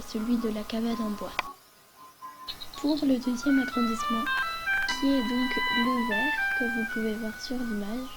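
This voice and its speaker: A woman with a hoarse, sick voice giving an informal, explanatory tutorial voice-over. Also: on the high side, rough recording. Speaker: video creator presenting a game guide. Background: background music.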